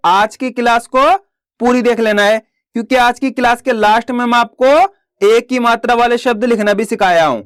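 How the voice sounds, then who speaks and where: A man teaching Hindi reading in a slow, patient way, asking questions and answering them himself. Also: very high-pitched, fairly bright tone, smooth, no room sound, clean studio sound.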